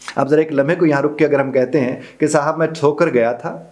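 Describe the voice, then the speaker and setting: A middle-aged man with a Pakistani Urdu accent, teaching a pronunciation lesson, spelling out and repeating example words slowly. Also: on the high side, steady tone, darkish tone. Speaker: pronunciation trainer. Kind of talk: spoken lesson.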